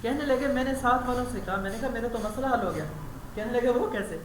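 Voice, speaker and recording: A man leading an online teacher training lesson, explaining step by step and quizzing his trainee as he goes. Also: very high voice. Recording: echoey room, faint hiss.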